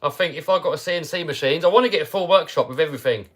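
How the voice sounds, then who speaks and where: Guy doing a live q&a, laid back, laughs a lot, bit higher pitched. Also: rapid-fire, fairly bright tone. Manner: chatty and easygoing, laughs often, reads chat questions aloud. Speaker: livestream host answering viewer questions. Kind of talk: casual live chat.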